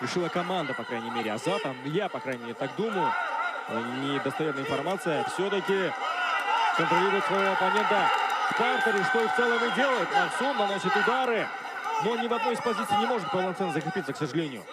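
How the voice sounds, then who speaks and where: A man giving live play-by-play combat sports commentary, excitable and swelling toward shouts at key moments. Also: high-pitched, fast talker. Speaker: MMA fight commentator. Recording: loud crowd and venue noise behind. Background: noisy arena crowd.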